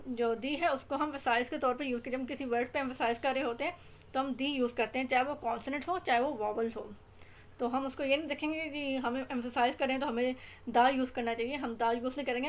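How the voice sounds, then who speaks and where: A young adult woman teaching English grammar, explaining slowly and repeating English example phrases with careful stress. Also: high-pitched. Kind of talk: explaining grammar in a mix of Hindi-Urdu and English.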